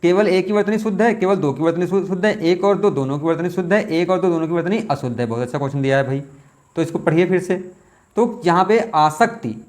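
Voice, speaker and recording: A man teaching, working through exam questions aloud, repeating words slowly as he thinks aloud. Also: high-pitched, darkish tone. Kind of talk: test question walkthrough.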